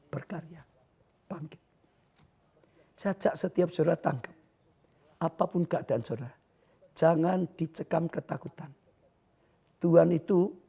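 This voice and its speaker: A man preaching a livestreamed sermon, shouting fervently at times and then dropping to a quiet voice. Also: fairly high pitch, vocal fry, slightly rough. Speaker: pastor.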